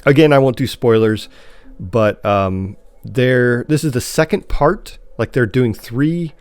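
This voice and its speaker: An American man from Chicago co-hosts a podcast, casually chatting about TV news in an informal, slightly hesitant way, circling back mid-thought. His voice is mid-range, smooth and slow-paced.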